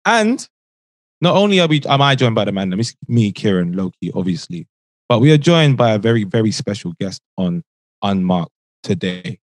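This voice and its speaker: Man, London roadman accent, podcast host, street slang, bantering, very lively intonation, dry recording. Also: lowish voice, moderate pace, no echo. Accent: London, urban roadman slang. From South London, England.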